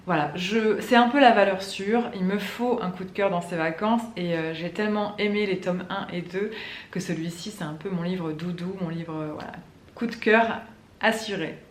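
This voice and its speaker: A woman's voice: fairly low pitch, normal speed. A woman book vlogger chatting casually to camera about her reading plans, with frequent fillers and restarts. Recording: echoey room with faint ambient noise.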